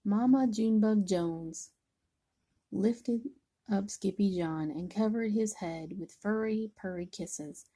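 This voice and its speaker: An older woman, a grandmother, reading a picture book aloud slowly and gently, sometimes stumbling over words. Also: mid-range voice, slightly rough. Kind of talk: storybook read-aloud.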